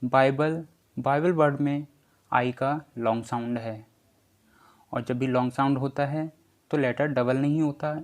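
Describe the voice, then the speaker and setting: Slow, patient male teacher. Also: mid-range voice. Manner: slow, patient and repetitive, drawing out letter sounds. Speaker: English pronunciation teacher. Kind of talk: slow spelling lesson explanation.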